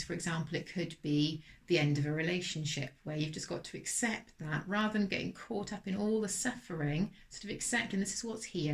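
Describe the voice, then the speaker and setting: A woman teaching mindfulness, giving a gentle, unhurried guided meditation talk with soft fillers. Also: mid-range voice.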